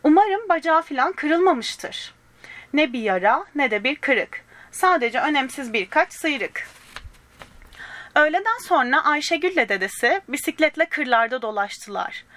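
Reading aloud to young listeners, a woman with a high voice gently tells a children's story, giving each character a small voice. There's no echo in the recording.

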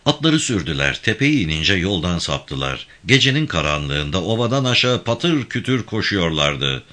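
A man with a deep voice reads a novel aloud in a measured, storytelling manner. His pitch moves in lively swings. His tone is bright and forceful. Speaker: audiobook narrator. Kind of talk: audiobook narration of a novel.

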